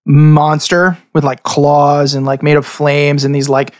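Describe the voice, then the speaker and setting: Male game master, slightly high voice, casual halting narration of tabletop combat and scenes. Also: monotone. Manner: halting, improvised descriptions.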